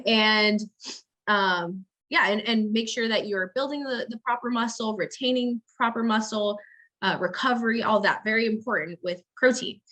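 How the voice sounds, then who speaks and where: A woman with a voice on the high side and a fairly bright tone speaks at a moderate pace, though the audio is poor. She's a fitness coach and business owner appearing as an interview guest, explaining things step by step in a casual chat with frequent check-ins.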